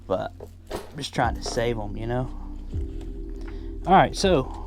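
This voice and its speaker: A fishing vlogger on a river boat films from a first-person camera, casually explaining to viewers, whom he calls "guys", how he ties a fishing rig step by step. His mid-range voice is animated and slow, with plenty of ums and restarts and faint music in the background.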